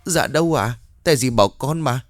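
A man's voice: medium pitch, lively intonation, brisk, no echo, pitched above the performer's own voice, close to an everyday voice. A man voicing a frightened young stepdaughter who sobs and pleads. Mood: timid. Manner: sobbing, pleading.

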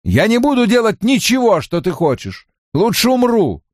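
A male narrator voicing a frightened but defiant young hero, speaking hoarsely in strained outbursts. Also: high voice, wildly swooping pitch, normal speed, no echo, clean studio sound, voice pushed up. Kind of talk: audiobook character voice.

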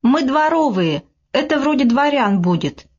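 A woman reading the part of a shy, easily frightened young bride who speaks softly. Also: sits high, very animated, a little slow, slightly rough, lo-fi sound, exaggerated voice. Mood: timid. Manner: soft, hushed questions.

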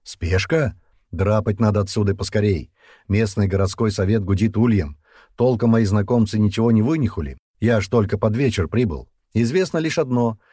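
A man's voice: fairly low pitch, warm tone, breathy edge, no echo, clean studio sound. A man voicing a nervous, agitated male merchant who talks in an urgent hiss, in an audiobook. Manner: hurried, agitated, hissing.

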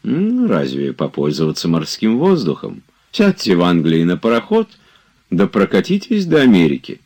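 A man reading aloud as a brisk doctor laying out a cure in a storybook. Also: low-pitched, wildly swooping pitch, a little mellow, exaggerated voice. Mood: instructing. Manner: brisk, prescriptive. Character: fussy male doctor giving advice.

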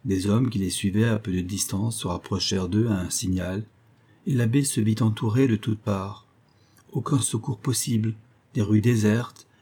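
A man narrating a historical novella as an audiobook reader, in a measured, even way. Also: lowish voice, husky. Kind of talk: scripted narration.

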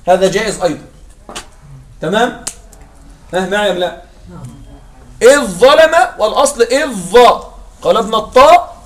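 A man teaching a classroom lesson on Arabic morphology. He keeps checking that his students follow and asks questions, then answers them himself. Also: extremely high pitch.

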